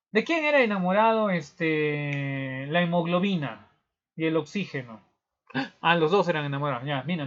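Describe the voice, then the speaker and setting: A man's voice: on the high side, fairly bright tone. A male teacher giving a physiology review, explaining with playful storytelling and frequent tag questions. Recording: dull lo-fi recording.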